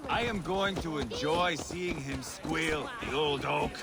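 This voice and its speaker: A man's voice: on the high side, takes it slowly. A man voicing a brash, scarred Viking warlord who talks in a crude, mocking, taunting way in video game dialogue. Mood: scornful.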